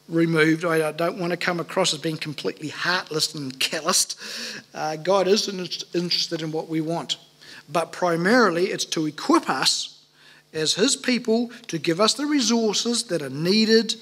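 A man's voice: high-pitched, fairly bright tone. A man preaching a sermon at a pulpit microphone in a church, earnest and emphatic, asking rhetorical questions. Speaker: pastor.

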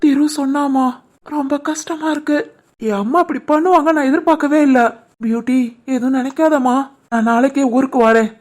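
A woman voicing a devoted, protective young husband in an animated family drama, with a soft pleading manner and a Tirunelveli Tamil accent. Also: high-pitched, a little fast, lightly acted. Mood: apologetic.

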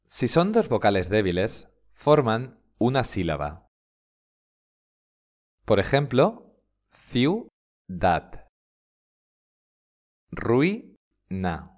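Male Spanish teacher with a Spain accent; unhurried scripted lesson delivery, very expressive pitch. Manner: slow, deliberate, stresses example words. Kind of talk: scripted instructional narration.

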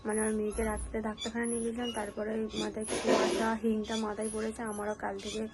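A young woman with a cold and a sore throat, chatting softly to her viewers at home as a family vlogger. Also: mid-range voice, completely flat delivery, very fast. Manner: soft-spoken, talking quietly while her baby sleeps. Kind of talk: casual chat to viewers. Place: at home indoors. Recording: noisy home recording.

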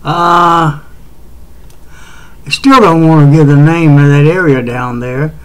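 Rambling West Tennessee man, fairly high voice. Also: clear, resonant tone, low-quality recording. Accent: West Tennessee Southern. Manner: rambling, halting, many uh fillers and restarts, chuckles often. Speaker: amateur weather show host. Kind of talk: casual home weather broadcast.

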